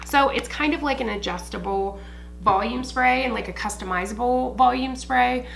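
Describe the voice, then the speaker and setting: Casual American beauty vlogger woman, gravelly fry. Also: fairly high pitch, moderate pace, fairly bright tone, a little hiss or hum. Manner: informal, slangy, swears freely. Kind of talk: casual chatty beauty haul review, like a makeup tutorial.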